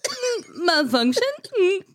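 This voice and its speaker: A woman's voice: very high voice, big pitch swings, slow, voice pushed up, exaggerated voice. A woman doing a glitching, malfunctioning robot. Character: glitching robot named Computron, stiff and slow. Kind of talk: podcast chat impression.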